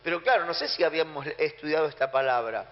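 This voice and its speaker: A man's voice: on the high side, fast talker. A man with an Argentine accent preaching a sermon emphatically, acting out the prayers and orders he talks about. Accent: Argentine Spanish. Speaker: pastor. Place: church hall. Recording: muffled sound in a reverberant hall.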